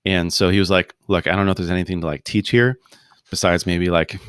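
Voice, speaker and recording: A man talking casually as a podcast guest over a video call, relaxed and rambling, full of fillers and restarts. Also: low-pitched, fairly quick, clear, resonant tone, no room sound, studio quality. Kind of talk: casual interview conversation.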